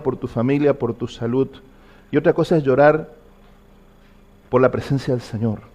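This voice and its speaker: A man's voice: mid-range voice, darkish tone. A man preaching a sermon, earnestly asking the congregation repeated personal questions. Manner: earnest, repetitive questions to the listener.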